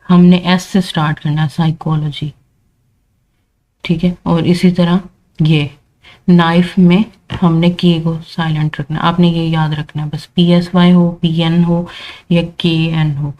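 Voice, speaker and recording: A woman's voice: on the low side, darkish tone, low-quality recording. A woman teaching English pronunciation rules, patiently repeating points and checking in with learners. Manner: patient, repeats points with frequent "thik hai" check-ins.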